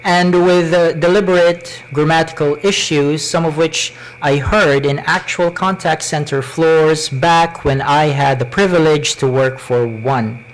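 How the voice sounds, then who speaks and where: A man with a Cebuano Filipino accent presents a live tech demonstration in deliberate, measured short phrases, speaking into a wired microphone. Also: a little high, steady tone, slight background noise, rough recording. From Philippines. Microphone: wired microphone into a laptop.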